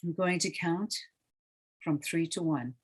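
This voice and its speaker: A calm guide eases listeners into deep relaxation with a meditation delivered slowly, softly and soothingly. Each phrase trails off almost to silence. The voice is slightly rough and pitched in an ordinary middle range.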